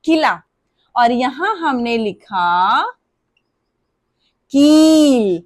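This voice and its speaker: A woman walks parents through a children's letter lesson. Her voice sits high, and she repeats example words slowly and draws them out. The sound is dry, with no room echo. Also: animated. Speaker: preschool Hindi teacher.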